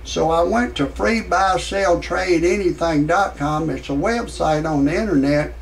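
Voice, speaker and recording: Gravelly man in his sixties, rambling. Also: a little slow, a little hiss or hum, rough recording. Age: 60s. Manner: rambling deadpan delivery with many fillers; shouts quoted lines in a much higher voice. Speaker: parody show host. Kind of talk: comedic parody monologue.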